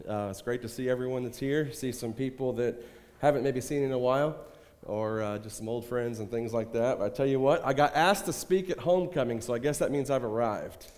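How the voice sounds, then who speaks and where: A pastor gives an informal address to his congregation in a church sanctuary, talking warmly and briskly in a mid-range voice. He rambles with lots of fillers and keeps repeating "I tell you," while fighting a cold that makes him cough now and then. He uses a handheld or stage microphone, and the church hall is reverberant.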